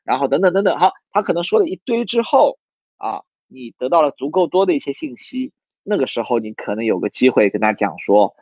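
A man's voice: medium pitch, animated, a little fast, darkish tone, no echo, muffled recording. A man giving a casual livestream lesson on recruiting sales, talking loosely with plenty of fillers and restarts and putting questions to his audience. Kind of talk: livestream teaching talk.

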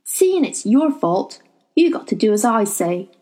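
A woman voicing a steady, protective boy of about twelve who speaks in quiet, firm tones in a storybook reading. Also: a little high, unhurried.

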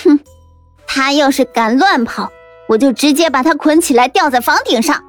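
A man voicing a feisty, bossy young daughter who snaps back with quick, scolding retorts in an audiobook. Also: very high voice, a bit bright, faint music behind, voice pushed up. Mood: cocky, fierce.

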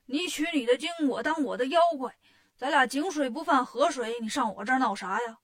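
A woman's voice: high voice, fairly quick, fairly bright tone. A woman voicing a sly, bullying male demon king in a storybook tale, blustering and scheming. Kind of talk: storybook character voice.

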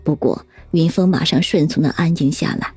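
Brief: female audiobook narrator, husky and lowish, measured storytelling, dry close recording. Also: darkish tone, no echo, faint music behind.

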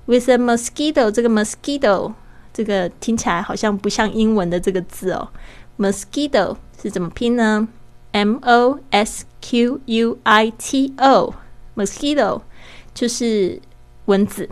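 A woman hosting a podcast English lesson, explaining step by step and slowing down to model English pronunciation. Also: medium pitch, a little mellow. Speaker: podcast host and English teacher.

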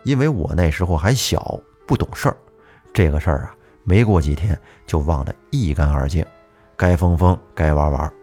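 A man hosting a storytelling podcast, narrating a listener's tale in a steady, measured way. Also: extremely low pitch, husky. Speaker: podcast host. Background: faint background music.

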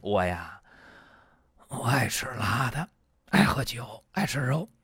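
A man voicing a hoarse, weak-voiced patient in his fifties who speaks in a strained half-whisper. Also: mid-range voice, very animated, slow, a bit bright, no room sound, studio quality, voice pushed up, full character voice. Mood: complaining.

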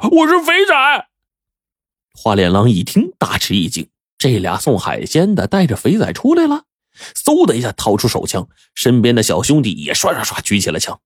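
Male storyteller, husky and lively, dramatic oral narration with a dry sound. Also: on the low side, dry recording. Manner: animated, dramatic delivery with vivid sound words.

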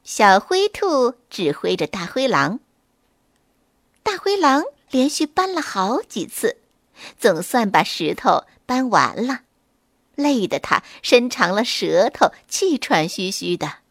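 A woman storyteller reading a children's story aloud with clear, expressive delivery. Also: a little high, takes it slowly, dry recording, studio quality.

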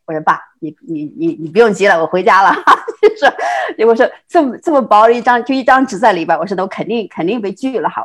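A middle-aged woman from China talks as an interview guest, recounting her past at a brisk clip. Her voice sits a little low, and she often stumbles over repeated words before laughing and pushing on. The tone is casual and chatty. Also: husky. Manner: fast, with many repeated words and restarts, frequent laughs. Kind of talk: casual conversational storytelling.

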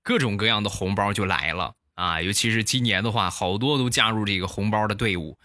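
A man hosting a comedy show, telling funny stories in a lively way and acting out the voices, close to the mic. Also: fairly low pitch, brisk, no echo. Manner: lively, acts out every voice. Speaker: comedy host. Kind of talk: comic storytelling.

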